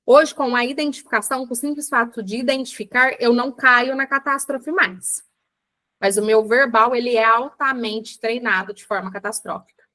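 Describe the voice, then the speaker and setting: Speaking a little high in a bright, forceful tone at a moderate pace, a Brazilian woman, a psychologist, leads a book club class online. Her Brazilian Portuguese-accented delivery is chatty; she addresses the audience as "gente" and acts out everyday situations.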